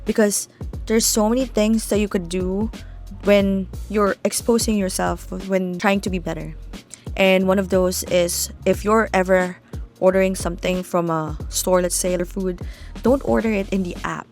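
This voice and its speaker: A young Filipino woman, a native Tagalog speaker with a Filipino accent, vlogs casually to camera in a chatty, candid way, sprinkling in likes and asides. Her mid-range voice has a darkish tone, fairly even intonation and a moderate pace, with faint music behind.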